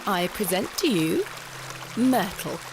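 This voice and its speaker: A woman's voice: medium pitch, very animated, slow, over music, rough recording. A woman voicing a wry, independent, curious lady antiquarian in a video game, articulate and self-possessed. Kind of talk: video game protagonist monologue.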